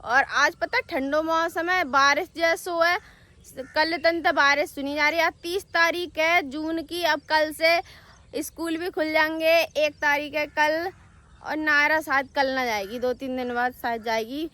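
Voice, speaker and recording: A woman's voice: high voice, steady tone, a little slow, bright, forceful tone, no room sound. Chatty young woman village vlogger. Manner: chatty, addresses viewers as friends. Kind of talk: casual vlog narration. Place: village home, rooftop and fields, outdoors.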